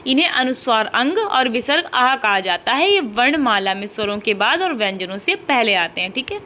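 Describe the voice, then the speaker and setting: A woman's voice: a little high, very animated, moderate pace, sharp tone. A woman teaching an online class, explaining step by step and repeating key points with frequent checks and rhetorical questions.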